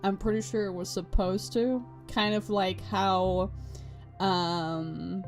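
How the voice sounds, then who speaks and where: Young woman, streamer, casual commentary, sarcastic, rambling, slow pace. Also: medium pitch, steady tone, soft background music.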